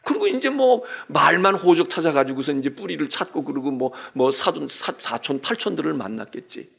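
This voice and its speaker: A man's voice: a little high, big pitch swings, brisk, vocal fry, a bit bright, breathy edge. A middle-aged man, a senior pastor, giving an early-morning Lent sermon in a chatty storytelling way and often checking in with the congregation. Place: church sanctuary.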